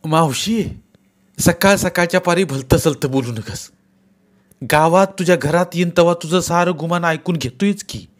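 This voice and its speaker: A man's voice: on the high side, normal speed, voice pushed up, close to an everyday voice. A man voicing a young village cart driver who answers back in a pleading, defensive way.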